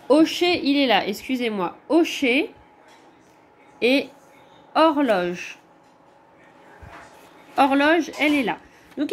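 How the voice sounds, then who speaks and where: French woman, primary teacher; slow, patient, explains step by step, high voice. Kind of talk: recorded homework correction for pupils.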